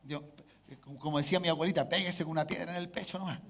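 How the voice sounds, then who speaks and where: A Chilean man with a Chilean Spanish accent, preaching a sermon as pastor, calling for amens and swinging between hushed asides and loud exhortation. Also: a little high, steady tone, very fast, creaky.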